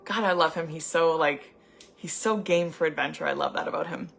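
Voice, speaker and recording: A young adult woman, an anxiety coach, telling a personal story in a chatty, animated way with many filler words. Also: deep voice, a little fast, creaky. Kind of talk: casual storytelling vlog.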